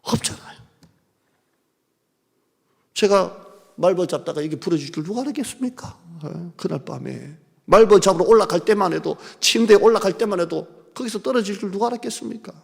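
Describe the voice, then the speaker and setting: A middle-aged man from South Korea preaching a revival sermon, swinging from loud appeals to hushed whispers. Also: sits high, expressive, a little fast, gravelly, slightly rough. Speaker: pastor. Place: large church sanctuary. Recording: long church hall reverb.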